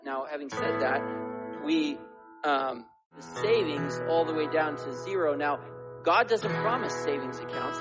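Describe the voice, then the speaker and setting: A man's voice: on the high side, rough recording. A man preaching a church sermon as a pastor, in a casual, folksy way, often checking in with his listeners. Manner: casual, folksy, checks in with listeners using okay, all right, amen; preaching to a congregation. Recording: music playing behind the voice. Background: plucked guitar music.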